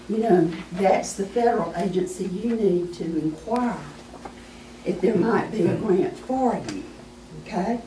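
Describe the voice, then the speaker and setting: A woman presenting to an audience as a small business adviser, folksy and emphatic, her voice hoarse as she keeps clearing her throat. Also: medium pitch, dark tone, slight background noise. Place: meeting room with an audience. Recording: echoey room from far off.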